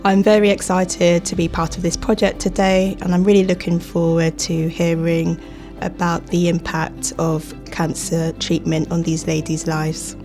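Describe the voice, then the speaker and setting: Lady doctor, flat mellow voice, calm composed intro, music faint. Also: on the low side, measured pace. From Wales. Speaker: medical oncologist. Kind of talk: professional introduction.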